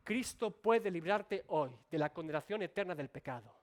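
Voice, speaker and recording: A male pastor delivers a sermon in a fairly high voice. His pitch swings widely, rising and falling as he presses his points. He speaks directly to the congregation. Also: expressive, normal speed. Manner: emphatic preaching with sweeping rises and drops. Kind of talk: expository sermon. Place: church.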